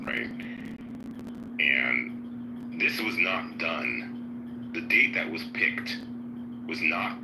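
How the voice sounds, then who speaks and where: A man giving informal political commentary in an emphatic way, often checking in with a questioning tag. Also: low-pitched. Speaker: panelist. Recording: clearly noisy live audio chat.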